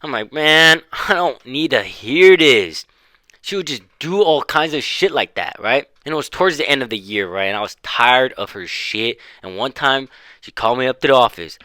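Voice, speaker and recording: Casual storyteller: young man, bright forceful voice, dry close sound, slangy and profane. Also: medium pitch, expressive, fairly quick, dry recording. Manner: slangy, profane, laughing while telling.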